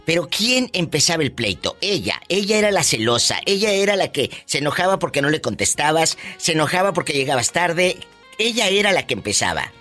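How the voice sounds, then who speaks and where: Hombre, acento mexicano, conductor de radio, teatral, voz aguda, muy expresivo. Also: male voice, a little high, sing-song, brisk, sharp tone, faint music behind. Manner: camp, theatrical exclamations and teasing. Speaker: radio show host. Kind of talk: flamboyant radio talk show.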